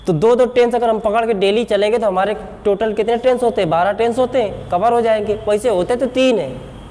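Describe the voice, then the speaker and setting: A man's voice: sits high, brisk, dark tone. A male English teacher, lecturing a class and asking questions that he answers himself. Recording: echoey classroom with faint background noise.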